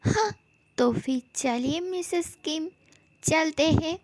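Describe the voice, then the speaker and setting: A woman's voice: high-pitched, takes it slowly. A woman reading a fan love story aloud, giving every character's lines in much the same voice.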